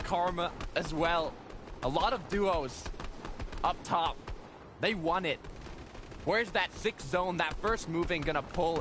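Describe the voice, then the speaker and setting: A man giving live esports play-by-play commentary in short, punchy, suspense-building phrases. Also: a little high. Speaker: esports caster. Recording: game gunfire and vehicle noise behind. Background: video game gunfire and ambience.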